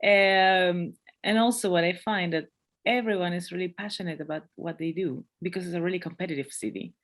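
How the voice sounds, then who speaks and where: A Peruvian woman in her thirties, a podcast guest, chats in English with a heavy Peruvian Spanish accent during a relaxed interview. Her voice is fairly low and a bit quick, and she laughs a lot and keeps restarting sentences.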